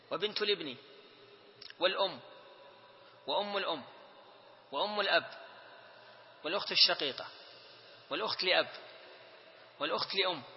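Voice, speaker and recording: Male teacher, high voice, classroom quiz drill, long reverb on a dull lo-fi recording. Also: slight background noise. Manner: drills lists, prompting students with short questions. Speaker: teacher of Islamic inheritance law. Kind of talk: classroom lesson with student quizzing. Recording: reverberant room, dull lo-fi sound.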